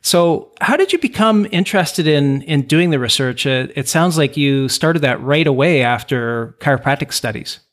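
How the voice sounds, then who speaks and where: A man hosting a podcast, reading a formal introduction and then asking the guest questions with warm encouragement. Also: on the high side, lively intonation, normal speed, hardly any pauses. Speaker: podcast host. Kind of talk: scripted introduction and interview questions.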